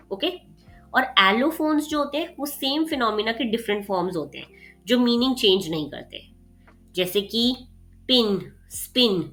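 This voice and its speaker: A woman teaching an exam revision lesson casually, often checking in with her students and mixing in English terms, with faint music behind her. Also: mid-range voice. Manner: frequent check-ins of "theek hai" and "okay", mixing English terms; gets faster and louder when excited while explaining. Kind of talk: casual explanatory lecture.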